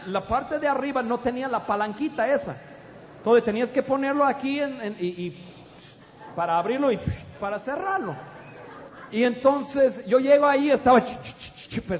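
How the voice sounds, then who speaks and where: High-voiced preacher in an echoey hall. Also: male voice. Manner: animated, loud, with stammered restarts and laughter. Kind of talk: humorous storytelling sermon. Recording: dull, echoey hall with audience.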